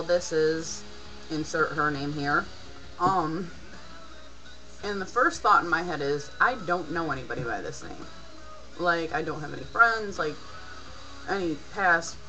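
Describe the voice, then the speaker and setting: A tired young woman video blogger tells a personal story casually, candid, rambling and hesitant. Her voice is on the low side with a sharp tone, and the rough recording has a rock song playing in the background.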